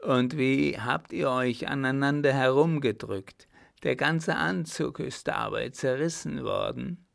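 A man voicing a loud drunken clown. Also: medium pitch, measured pace, creaky, pitched above the performer's own voice. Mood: drunk, furious. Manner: loud, growling threats. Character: drunken jealous male clown, coarse and threatening. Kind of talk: audiobook character voice.

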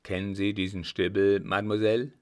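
A man playing a gruff old field marshal. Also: lowish voice, little pitch movement, a little fast, lightly acted. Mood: gruff, bantering. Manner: loud, brusque, bantering.

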